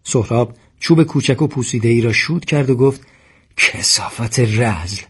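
A man narrating an audiobook story in a measured storytelling manner. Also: medium pitch, a little mellow, slightly rough.

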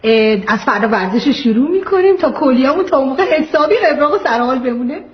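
An actress playing an earnest young wife who lists the costs of raising a child in a matter-of-fact way. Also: female voice, high-pitched, expressive. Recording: dull clip with faint ambience.

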